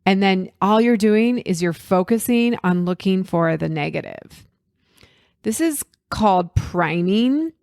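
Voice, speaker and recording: Slow-talking woman coaching podcast host. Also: medium pitch, lively intonation, a little mellow, dry recording, clean studio sound. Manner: encouraging, conversational, addresses listeners directly. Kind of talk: solo podcast coaching talk.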